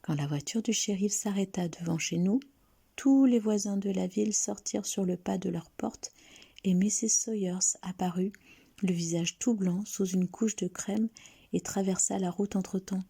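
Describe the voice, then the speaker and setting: Husky-voiced woman reading a story. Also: mid-range voice, unhurried. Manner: hushed, half-whispered storytelling. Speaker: narrator. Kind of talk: reading a short story aloud.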